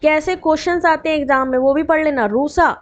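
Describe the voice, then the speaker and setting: A woman teaching an exam revision lesson online, reading out full forms slowly with quick chatty asides to her students and a dry throat. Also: high-pitched, lo-fi sound.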